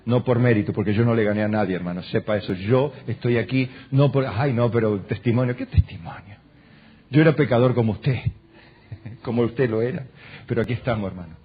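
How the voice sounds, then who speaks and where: Husky-voiced Argentine preacher man. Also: mid-range voice, brisk, muffled recording. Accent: Argentine Spanish. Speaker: pastor. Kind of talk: sermon. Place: church.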